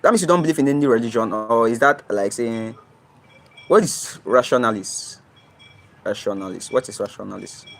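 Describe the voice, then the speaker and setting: With slight background noise, a young Nigerian man livestreams outdoors near his home from his phone, camera flipped to show the scene, speaking Nigerian English. His gravelly mid-range voice moves at a moderate pace as he reads comments aloud, replies and often asks "you understand?".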